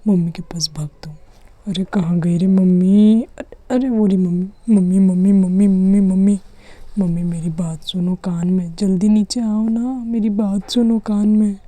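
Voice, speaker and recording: A whiny little boy , as a woman puts him on, in a doll-play cartoon story, begging over and over with a very dark, mellow tone. The sound is dry and close. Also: mid-range voice, steady tone, a little slow, no room sound, lightly acted. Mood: urgent. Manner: whiny, pleading, wheedling. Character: mischievous little boy Duggu, pleading.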